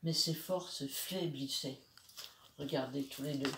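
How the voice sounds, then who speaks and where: A woman storyteller reading a bedtime story aloud to children, slow and expressive, with asides to her young listeners. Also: low voice, vocal fry. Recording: roomy, distant from the mic.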